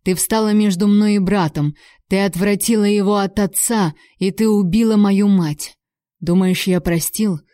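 A proud young warrior, cold and menacing, each word measured and heavy, as a woman narrator reads him. The tone is dark and mellow. The recording is dry and close, with no room around it. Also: mid-range voice, steady tone, no room sound, close to an everyday voice. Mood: cold menace.

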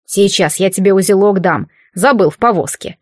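A woman's voice: medium pitch, moderate pace, no echo, lightly acted. A worried middle-aged father from the village, anxious and fussing over his daughter, with a woman reader voicing him. The voice stays near her own, recorded dry and close. It is plain storybook reading.

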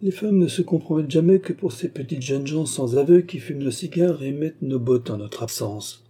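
Brief: man playing an indulgent, bewildered baron, dark husky voice. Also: a little high, expressive, fairly quick, voice pushed up. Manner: bewildered, exclaiming.

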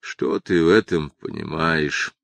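A man's voice: very deep voice, steady tone, measured pace, vocal fry, a bit bright, no room sound, full character voice. A man reading an audiobook and voicing a weary writer in a dry, ironic, offhand way. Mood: wry.

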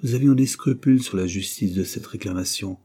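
A man reading aloud voices a calm, kindly older woman who speaks in a soothing, measured way. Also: on the low side, breathy edge.

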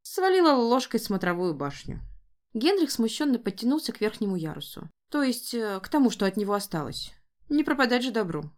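A woman narrating a fiction audiobook in a lively, expressive way. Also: a little high, a little fast.

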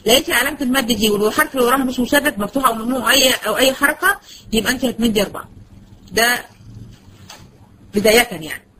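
A woman with an Egyptian Arabic accent teaching Quran recitation, patient and slowing right down to spell out sounds. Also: fairly high pitch, bright, forceful tone, husky, low-quality recording. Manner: patient, slows to a crawl when demonstrating words. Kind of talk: online Quran lesson.

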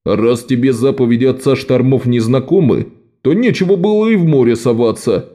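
A man's voice: medium pitch, normal speed, warm tone, lightly acted. A man voicing a stern, commanding male ship captain in an audiobook. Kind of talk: audiobook character voice.

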